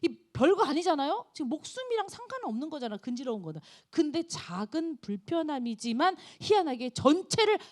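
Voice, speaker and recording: A woman's voice: high voice, sing-song, brisk, hardly any pauses. A woman preaching a sermon to a college group, telling the story with animation and asking her listeners questions.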